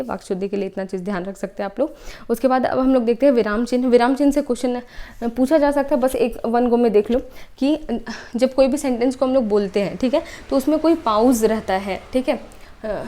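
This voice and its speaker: A young adult woman teaches an exam-prep lesson. She explains step by step, repeats her points, and often checks in with a quick "okay". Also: fairly high pitch, dark tone.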